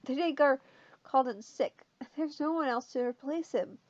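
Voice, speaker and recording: A woman voicing a nervous male manager who talks in a shaky, hurried, apologetic way. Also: high voice, dry recording, close to an everyday voice. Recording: dull lo-fi sound.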